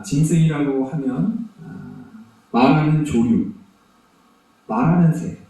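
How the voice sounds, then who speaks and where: A man preaches a children's Sunday sermon in a high, mellow voice, and he repeats points with emphatic energy. He is recorded from far off in a church sanctuary with very heavy echo. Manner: animated storyteller, emphatic repetition. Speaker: pastor.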